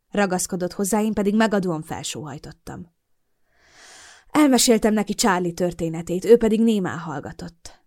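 A young adult woman narrating a novel in the first person, in a gentle, reflective storytelling voice, recorded on a studio microphone. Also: fairly low pitch. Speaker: audiobook narrator.

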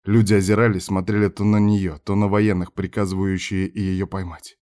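Low-voiced guy reading an audiobook, steady. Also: moderate pace, clear, resonant tone. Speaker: audiobook narrator. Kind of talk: scripted narration.

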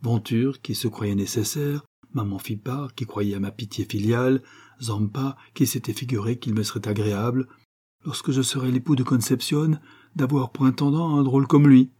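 A man's voice: mid-range voice, fairly even intonation, moderate pace, mellow, slightly rough, lightly acted. A male reader voicing a cynical, murderous young bandit who talks in a coaxing, mocking, cold way.

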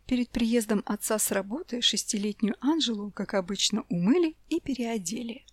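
A woman narrating a story in an even audiobook style. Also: a little high, moderate pace, dry recording.

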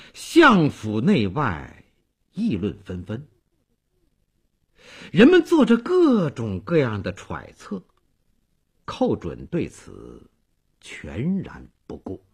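A man's voice: mid-range voice, huge pitch swings, slow, pauses often, slightly rough. A man narrating a historical tale in a traditional oral storytelling style, with dramatic, emotive delivery.

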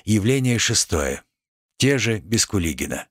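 A man reading a play's stage directions aloud in a flat, measured voice. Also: fairly low pitch, slightly rough, no room sound, clean studio sound. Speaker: reader.

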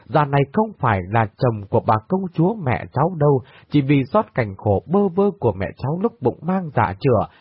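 A man's voice: mid-range voice, slightly rough, no echo. A man voicing a wretched old male prisoner who confesses in a pained voice. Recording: dry, tinny phone-like sound.

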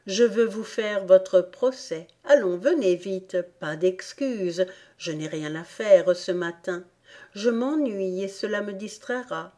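A woman voicing a sly, bored male dog who plays judge, in a brisk commanding manner. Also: mid-range voice, warm tone, close to an everyday voice.

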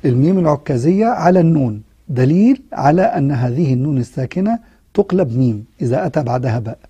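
Husky, dark-voiced Egyptian teacher. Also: male voice, fairly high pitch, lively intonation, no room sound, dull audio. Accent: Egyptian Arabic. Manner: patient, explanatory, slows down to demonstrate sounds. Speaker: Quran recitation teacher. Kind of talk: recorded online lesson.

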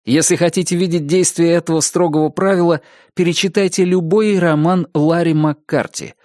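A man's voice: on the high side, fairly even intonation, normal speed, a little mellow, no room sound, studio quality. A man narrating a nonfiction audiobook, reading expressively and acting out the quoted lines.

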